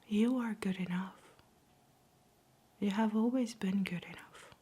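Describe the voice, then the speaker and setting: A woman giving a whispered ASMR pep talk in a soft, breathy whisper, soothing, gentle and encouraging. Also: mid-range voice, unhurried. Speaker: ASMR host.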